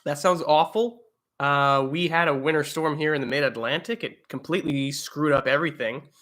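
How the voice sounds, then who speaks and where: Young male streamer, bright voice, loose rambling delivery full of "uh"s. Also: a little high, normal speed. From eastern United States. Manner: rambling, lots of fillers and restarts. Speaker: livestream host. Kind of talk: casual live chat reading viewer comments. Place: home, indoors.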